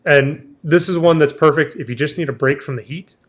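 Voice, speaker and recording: A man's voice: on the high side, brisk, a little hiss or hum. A man hosting a casual travel chat, talking in a chatty way and restarting his sentences often. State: has the hiccups. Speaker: travel show host.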